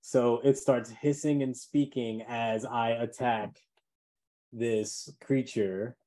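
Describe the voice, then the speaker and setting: A man's voice: medium pitch, steady tone, slow pace, warm tone. A man chatting casually as a tabletop game player, thinking aloud hesitantly. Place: indoors at home, on a video call.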